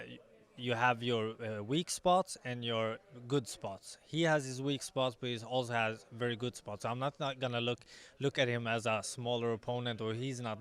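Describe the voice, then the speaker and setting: Young man, MMA fighter in interview. Confident, halting delivery, clean resonant tone. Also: mid-range voice, fairly bright tone, clear, resonant tone. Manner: confident, self-assured. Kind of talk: post weigh-in sports interview.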